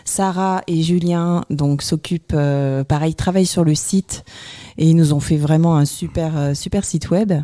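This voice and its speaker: A man's voice: on the high side, moderate pace, dry recording. A man on a casual radio chat, laughing easily and introducing the people behind the station. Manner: lively, laughs easily, lists names.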